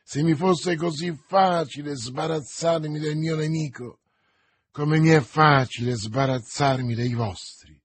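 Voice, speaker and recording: A cold, calculating cardinal, as a male reader plays him, speaking in a measured, authoritative way at an unhurried pace. The voice is husky and dry, recorded up close. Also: fairly high pitch, no room sound, voice pushed up. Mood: commanding. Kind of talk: audiobook character reading.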